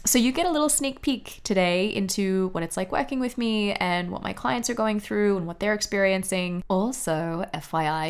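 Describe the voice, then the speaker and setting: A woman's voice: medium pitch, clear, resonant tone. A woman hosting a podcast, talking in an upbeat, enthusiastic way as she introduces the episode and promotes her course. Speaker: podcast host and film coach.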